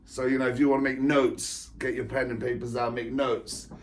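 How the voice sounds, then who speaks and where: A man's voice: medium pitch, level tone, moderate pace, background noise. Author, male, 40s; loose, digressive monologue, laughs a lot, repeats phrases. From England. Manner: chatty, digressive, laughs often, repeats himself. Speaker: author and spiritual coach. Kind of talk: rambling personal monologue.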